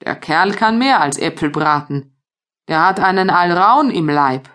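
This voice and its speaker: A woman voicing a huge, gullible and clumsy male giant in an audiobook fairy tale, grumbling slowly. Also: lively intonation, a bit bright. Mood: grumbling, fearful. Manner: rumbling, slow and grumbling.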